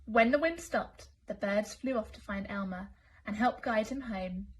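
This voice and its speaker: A woman working as a school storyteller reads a children's picture book aloud, expressive and deliberate. Her voice sits in the mid range, with a little hiss or hum on the recording.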